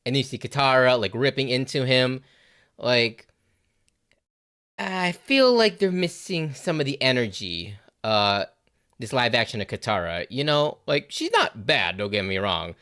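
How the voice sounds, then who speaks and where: Guy doing a reaction vid, swears a lot, pitch jumping all over, says like and you know constantly. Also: big pitch swings, measured pace, sharp tone. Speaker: reaction video host. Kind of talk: casual reaction commentary.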